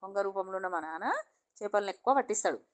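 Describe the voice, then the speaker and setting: A woman's voice: mid-range voice, fast talker, lightly acted. A woman voicing an angry young male fisherman with a Telangana accent, accusing and demanding. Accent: Telangana Telugu.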